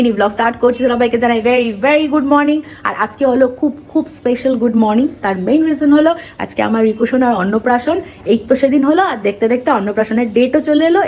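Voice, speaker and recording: Fast-talking young Bengali woman vlogger. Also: on the high side, darkish tone, slight background noise. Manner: chatty, quick, mixes English words into Bengali. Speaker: vlogger, mother of the baby. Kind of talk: casual vlog narration to camera.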